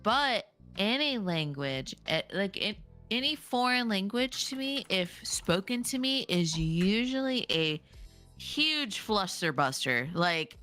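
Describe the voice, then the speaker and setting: A young woman chatting on a stream in a mid-range voice with a bright edge. She is a little tipsy, rambles and pokes fun at herself. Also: medium pitch, sing-song, takes it slowly, soft background music. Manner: rambling, self-deprecating, tipsy. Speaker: guest. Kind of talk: casual chat stream.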